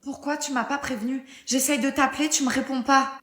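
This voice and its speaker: A woman's voice: high-pitched, fairly even intonation, a little fast, fairly bright tone, echoey room. A woman's text-to-speech voice playing a fed-up, suspicious young partner and mother in a scripted story. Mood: annoyed.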